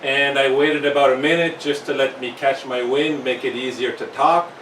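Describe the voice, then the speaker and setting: A man's voice: mid-range voice, level tone, moderate pace, fairly bright tone, slight background noise. A man working as a fitness instructor, slightly winded, explaining a workout step by step. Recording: echoey room, mic far off.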